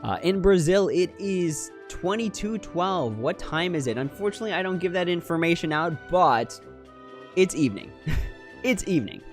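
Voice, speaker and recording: A man with a slightly high voice talks into a livestream headset mic, picking apart game numbers out loud in a critical, analytical way. Faint music plays underneath. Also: animated, moderate pace. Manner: analytical, critical, thinking aloud. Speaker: mobile game streamer. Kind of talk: casual livestream commentary.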